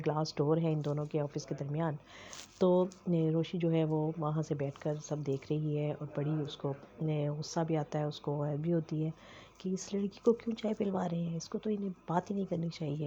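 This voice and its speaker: A woman recapping a TV drama episode at an unhurried pace, with frequent hesitations. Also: low-pitched, warm tone, slight background noise. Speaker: drama reviewer. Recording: dull lo-fi recording.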